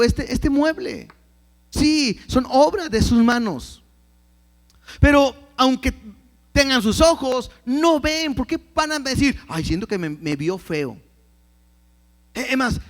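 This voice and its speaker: A man preaching a Bible lesson, reading scripture aloud and often repeating words as he starts a phrase. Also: very high voice. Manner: reads scripture aloud and acts out quoted believers. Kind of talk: Bible teaching sermon.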